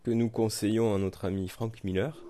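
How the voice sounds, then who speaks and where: Male podcast host, lowish voice, casual, joking, laid-back. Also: normal speed. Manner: relaxed and joking, with hesitant fillers.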